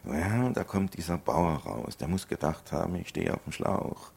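A man's voice: low-pitched, expressive, normal speed, a little mellow. A man performing rhymed songs and a spoken story with a rhythmic delivery. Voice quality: gravelly.

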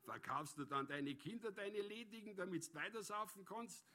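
A man's voice: high-pitched, normal speed, bright, forceful tone, pitched above the performer's own voice. A man voicing a boastful, aggressive middle-aged village man who rants bitterly in a raised voice. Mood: gloating.

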